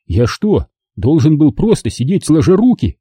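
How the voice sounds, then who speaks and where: A man's voice: fairly high pitch, big pitch swings, normal speed, husky, dry recording, studio quality, pitched above the performer's own voice. A man voicing a defiant, troubled fifteen-year-old boy who argues back at his mother in an audiobook. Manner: protesting, shouting back. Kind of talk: audiobook reading.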